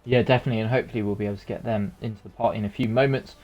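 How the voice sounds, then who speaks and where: A man commentating an online racing league finish, calling the results with rising excitement. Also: lowish voice, racing, dull audio, soft background music. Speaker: race commentator. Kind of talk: esports race commentary.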